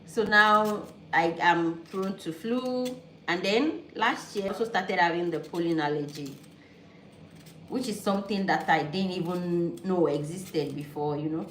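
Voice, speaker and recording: A woman's voice: fairly low pitch, unhurried. A woman from Nigeria whose first language is Yoruba, chatting casually with viewers while cooking at home, easygoing and thinking aloud, with an allergy. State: pollen allergy, sneezing. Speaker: vlogger. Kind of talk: casual cooking vlog chat with live viewers. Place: home kitchen. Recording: echoey kitchen with loud background noise.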